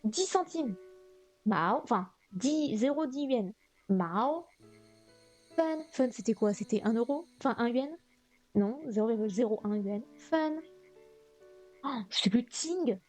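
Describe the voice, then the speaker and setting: A woman revising vocabulary on a live stream, talking slowly in a fairly high voice. She thinks out loud and keeps correcting herself as she goes. Faint music plays under her voice. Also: lively intonation. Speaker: streamer studying Chinese vocabulary. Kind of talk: live-stream study session.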